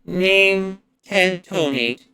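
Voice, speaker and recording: A woman doing a flat, emotionless robotic bomb expert. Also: medium pitch, extremely slow, smooth, heavily acted. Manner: flat, clipped, emotionless monotone delivery. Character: flat emotionless male bomb disposal expert speaking through speech synthesis. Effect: robotic voice filter. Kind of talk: game playthrough voicing.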